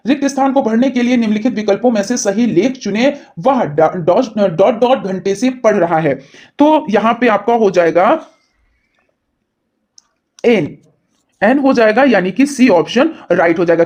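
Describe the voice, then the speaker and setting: A man teaching an exam-prep lesson, reading English questions slowly and explaining the answers quickly in Hindi. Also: high voice.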